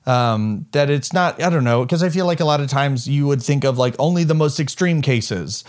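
A man's voice: mid-range voice, moderate pace. A young adult son in a candid personal conversation with his mother, speaking hesitantly and with many fillers.

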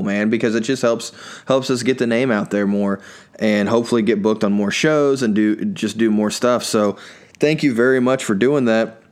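A man's voice: fairly low pitch, clean tone. A man hosting his own podcast as a stand-up comedian, telling family anecdotes in a loose, rambling way and thanking his listeners. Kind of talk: casual storytelling chat.

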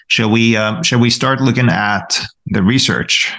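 A man's voice: medium pitch, measured pace, bright, forceful tone. A man co-hosting an academic discussion, thoughtful and full of restarts and repeated words. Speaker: podcast co-host, college professor.

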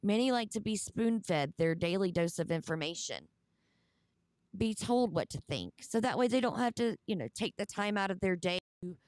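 A woman's voice: medium pitch, lively intonation, moderate pace, darkish tone, no echo, studio quality. A woman with a Southern US accent hosting a casual Bible study livestream, talking in a chatty way with fillers. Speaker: host.

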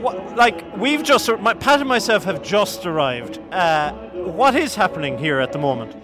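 A man chats and teases as he hosts a casual radio broadcast. He is middle-aged and speaks outdoors, with loud music playing behind him. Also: high-pitched, very animated, moderate pace. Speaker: community radio host. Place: outdoors in a busy town square outside a hotel. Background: loud country music from pubs.

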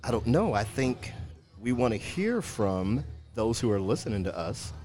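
A man's voice: on the low side, big pitch swings, normal speed, darkish tone, faint music behind. A man co-hosting a podcast, chatting casually with upbeat, enthusiastic banter. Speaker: podcast co-host. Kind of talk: casual chat. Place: at a bakery on location.

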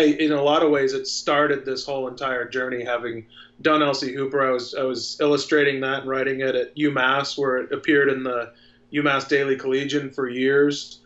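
A man's voice: mid-range voice, fairly bright tone. A man in his thirties, a filmmaker guest in a casual interview, talking in a reflective, earnest way. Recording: dull lo-fi sound.

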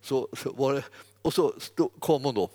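A man's voice: medium pitch, mellow. Rambling, chuckling male storyteller. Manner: rambling, self-correcting, chuckling often. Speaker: preacher telling a story. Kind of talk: anecdotal sermon storytelling.

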